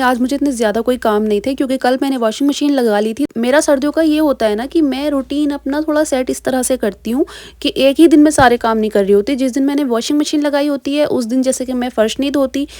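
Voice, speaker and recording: A young woman chatting quickly through a casual home vlog voice-over, talking straight to her viewers. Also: high voice, a little mellow, no echo, studio quality. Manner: chatty, fast, asks viewers directly. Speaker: vlogger.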